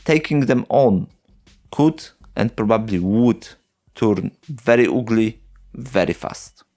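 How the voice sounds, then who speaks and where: A history channel host, for whom English is not a first language, narrates a history video in a lowish, dark, animated voice. He speaks slowly and wryly, dropping sarcastic asides and short chuckles.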